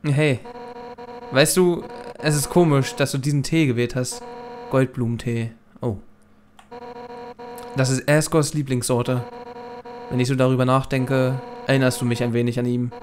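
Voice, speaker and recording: A man's voice: medium pitch, steady tone, normal speed, noisy background, lightly acted. A man reading a brash fish warrior captain. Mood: reflective. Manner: boisterous, loud bursts, chuckling. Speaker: Let's Play gamer reading dialogue. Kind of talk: reading game dialogue aloud.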